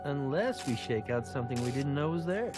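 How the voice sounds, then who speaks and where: An actor playing a cautious crime scene investigator in a video game. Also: male voice, mid-range voice, animated, fairly quick, natural voice. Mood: businesslike. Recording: quiet game audio under clear music.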